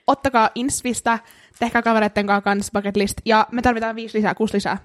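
Young female podcast co-host, higher voice, giggly, reads items aloud in relaxed chat. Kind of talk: casual chat.

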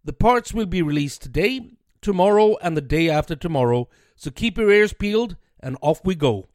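A man co-hosting a podcast, asking a guest questions in a relaxed, casual way. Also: high-pitched, moderate pace, dry recording, studio quality. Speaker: podcast co-host. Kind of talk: casual interview chat.

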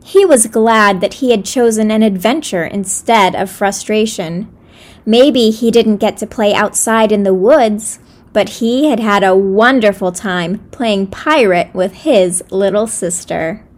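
Gentle woman reading a children's story. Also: mid-range voice, a little slow.

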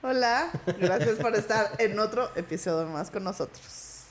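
A woman's voice: medium pitch, animated, moderate pace. A woman co-hosting a casual podcast, chatting, explaining and chiming in conversationally. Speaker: podcast co-host.

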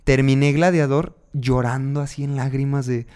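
A man, hosting a casual podcast and telling a personal story in an animated way, voicing his own inner dialogue. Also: mid-range voice, moderate pace, slight background noise.

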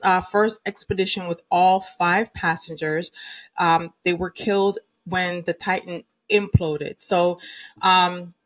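A woman hosting her own podcast, talking casually and chattily with many fillers. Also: medium pitch. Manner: chatty, uses many fillers like um and you know. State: recovering from a cold and sinus infection. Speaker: podcast host. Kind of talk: casual solo podcast talk.

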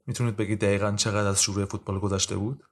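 A man voicing a stern, impatient male judge who questions in brisk, curt sentences. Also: fairly low pitch, flat delivery, natural voice.

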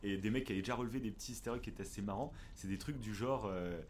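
A man co-hosting a casual podcast chat, animated and quick to laugh, recorded in a mountain refuge. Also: on the low side, a little hiss or hum. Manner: animated, chatty, laughs easily. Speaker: podcast co-host.

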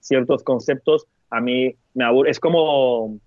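A man from Spain talking as a guest on a casual podcast, animated and quick to laugh and swear. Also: medium pitch, no room sound, dull audio.

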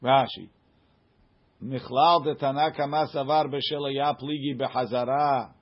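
A man's voice: mid-range voice, steady tone, measured pace. A man teaching an informal Talmud class, reading and explaining the text emphatically in question-and-answer phrasing. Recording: muffled lo-fi recording.

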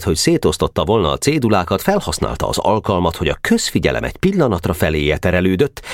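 A man narrating a novel as an audiobook, telling it expressively on a close mic. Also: dry recording. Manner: expressive storytelling with wide pitch swings. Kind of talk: novel reading.

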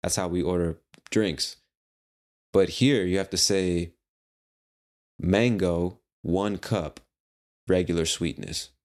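A man's voice: low voice, fairly even intonation, takes it slowly, pauses often, a little mellow. A man hosting a casual solo podcast, talking in a rambling, playful way with the odd swear word. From United States. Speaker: podcast host.

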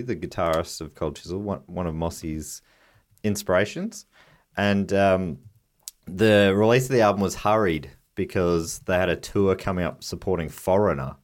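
An Australian man co-hosting a podcast, chatting casually and jokily about music, full of wordplay and rambling asides. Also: low-pitched. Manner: jokey, rambling, plays on words. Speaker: podcast co-host.

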